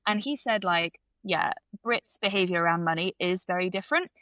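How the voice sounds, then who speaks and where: A woman's voice: on the low side, fairly quick, sharp tone, dry recording, lo-fi sound. A woman from Belgium with British parents, a guest chatting on a podcast, laughing between thoughts and hedging often. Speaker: guest, writer and comedian. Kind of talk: casual podcast chat.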